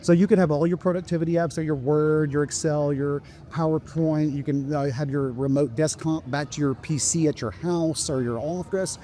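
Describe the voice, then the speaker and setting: A man's voice: on the high side, fairly even intonation, moderate pace, few pauses, mellow, a little hiss or hum. A man casually demonstrating a product to someone face to face, with informal, instructive sales patter. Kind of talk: casual product demo to a passer-by.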